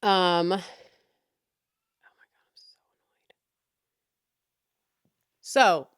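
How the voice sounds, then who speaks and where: A woman's voice: lowish voice, dry recording, clean studio sound. A young woman hosting a casual storytime rant, chatty and exasperated, swearing freely. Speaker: podcast host.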